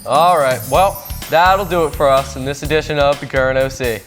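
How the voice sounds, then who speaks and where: A young man anchoring a local news show in a relaxed, easygoing manner. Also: on the high side, normal speed, soft background music.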